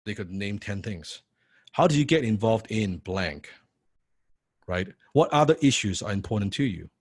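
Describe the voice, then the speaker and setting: A man teaching a sales training class, lively and full of rhetorical questions, acting out what prospects say. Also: fairly low pitch, moderate pace, husky, dry recording, studio quality. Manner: animated, acts out prospect replies, rhetorical questions. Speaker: sales coach.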